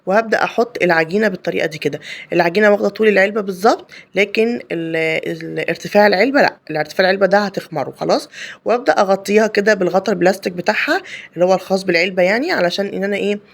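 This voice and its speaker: A woman's voice: medium pitch, very fast, gravelly. A woman with an Egyptian Arabic accent hosting a home cooking video. She explains each step in a chatty way, with many fillers and restarts. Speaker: home cooking channel host. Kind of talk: casual cooking tutorial voice-over.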